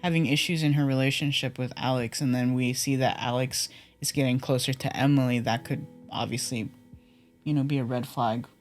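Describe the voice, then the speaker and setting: A man's voice: medium pitch, steady tone, a little fast, faint music behind. A man giving casual game commentary as he reasons through a mystery. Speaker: player discussing a mystery game.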